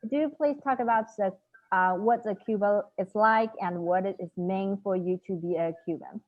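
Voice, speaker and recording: A woman's voice: medium pitch, moderate pace. Polite young woman hosting, thin phone-like sound. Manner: polite, careful, many fillers. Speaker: student host. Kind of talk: hosting an interview. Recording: thin phone-like call audio.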